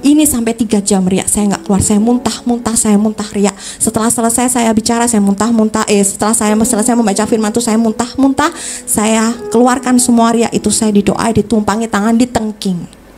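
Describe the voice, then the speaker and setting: A woman's voice: fairly high pitch, fairly even intonation, brisk, darkish tone, faint music behind. A woman giving an earnest personal testimony in church, acting out past conversations as she tells her story.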